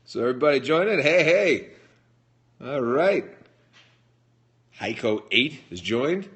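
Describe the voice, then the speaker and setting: A middle-aged man hosts a casual live stream over a phone, reading fan comments aloud and answering them in a chatty, jokey way. His mid-range voice is a bit bright and slightly rough, moving slowly with big pitch swings.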